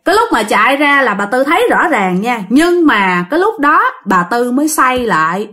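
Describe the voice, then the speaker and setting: A woman's voice: a little high, sing-song, normal speed, sharp tone. A woman telling a ghost story in a chatty way, addressing her listeners directly.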